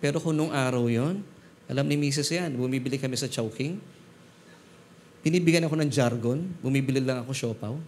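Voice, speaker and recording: A man's voice: medium pitch, brisk, a little mellow, slight background noise. A middle-aged Filipino man preaching a church sermon, telling funny stories as he switches between Tagalog and English. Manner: humorous storytelling, mixing Tagalog and English. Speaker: pastor. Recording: music playing behind the voice. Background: guitar music.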